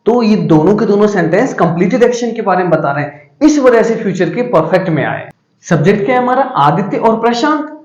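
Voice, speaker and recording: A man teaches a grammar class, asking questions and answering them himself. His pitch swings widely as he stresses words and slows down to dictate the example sentences. The sound carries a noticeable room echo. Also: expressive, muffled recording.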